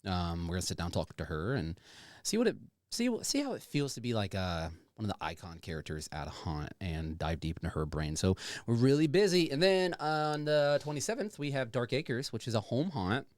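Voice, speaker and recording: A man's voice: medium pitch, sing-song, fairly quick, no room sound. A man hosting a podcast in casual chat, rambling and playful, with some swearing. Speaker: podcast host.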